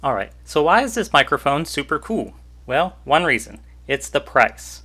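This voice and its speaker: A man's voice: fairly high pitch, very animated, normal speed, bright, forceful tone, husky, faint music behind. A man casually reviewing a microphone on his video channel, chatty and easygoing with jokey asides, recorded at home on a cheap USB desk microphone. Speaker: YouTuber reviewing gear. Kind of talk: casual product review vlog.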